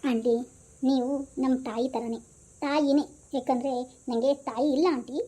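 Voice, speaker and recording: A woman voicing an emotional young man who calls the older woman aunty, speaking softly and pleadingly. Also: high voice, steady tone, normal speed, husky.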